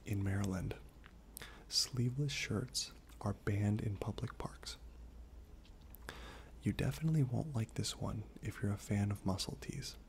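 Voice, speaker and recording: Soft-spoken man, creaky half-whispered ASMR. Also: lowish voice, slight background noise. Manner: gentle, unhurried delivery with gum chewing. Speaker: ASMR host. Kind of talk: soft-spoken ASMR, reading trivia aloud with asides.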